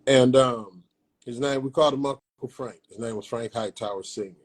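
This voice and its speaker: Husky man. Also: medium pitch, moderate pace. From Peoria, Illinois, USA. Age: 50s. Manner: animated retelling with acted-out dialogue, slangy. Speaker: barber telling his story. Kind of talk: casual storytelling in an interview.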